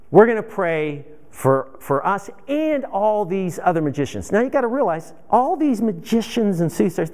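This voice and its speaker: A man's voice: high-pitched, darkish tone. A man teaching a men's Bible study in an informal, conversational way, asking rhetorical questions and acting out the voices from the scripture.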